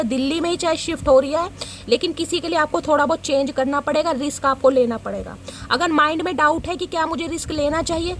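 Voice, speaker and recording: A woman with a high voice gives a tarot reading in a loose, talkative way. She teases and scolds her viewers with a playful edge. Faint background noise sits under her voice. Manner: chatty, teasing, scolds and jokes with the viewer. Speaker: tarot reader.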